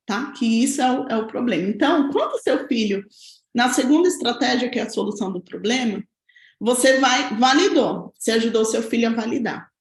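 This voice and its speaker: A woman with a high voice gives a talking-head parenting lesson from home, and the sound is roomy. As a parenting educator, she explains things step by step and frequently checks in with tag questions.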